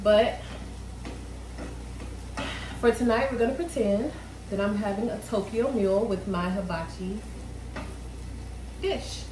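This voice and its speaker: A woman's voice: medium pitch, slow pace, long pauses. Woman, 30s, casual home-cook narrator, conversational and unpolished; camera-mic in a reverberant kitchen with frying noise. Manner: chatty, loose, thinks aloud with fillers. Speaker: cooking vlogger. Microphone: camera on the counter. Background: food sizzling in a pan.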